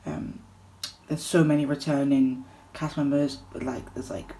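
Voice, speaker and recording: A woman's voice: very deep voice, level tone, measured pace, mellow, slight background noise, low-quality recording. A young woman chatting to camera as a theatre vlogger, enthusiastic and full of fillers and restarts. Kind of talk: casual vlog chat to camera.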